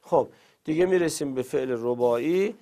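A man's voice: medium pitch, warm tone. A man teaching Arabic grammar in Persian, rattling off verb conjugation lists in a falling sing-song and stopping now and then to explain to students. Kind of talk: recorded class lesson, rapid verb conjugation drills.

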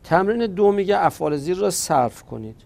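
Male grammar teacher, gravelly voice, patient and repetitive, recorded lesson. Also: high-pitched, expressive, a little mellow. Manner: patient, repetitive drilling of verb forms.

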